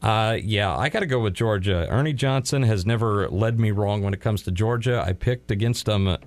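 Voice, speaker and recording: Man, sports talk co-host, low voice, playful sarcasm, dry studio sound. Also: normal speed, no room sound.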